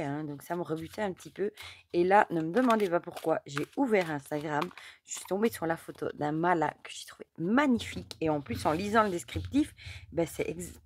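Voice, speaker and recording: Hoarse lady, lowish voice, rambly chatty card reading with lots of fillers. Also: darkish tone, slight background noise. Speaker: oracle card reader, channel host; mother. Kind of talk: casual chat during a card reading.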